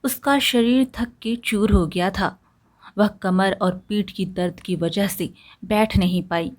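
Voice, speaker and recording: A woman narrating a moral story in a scripted, measured storytelling manner. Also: mid-range voice.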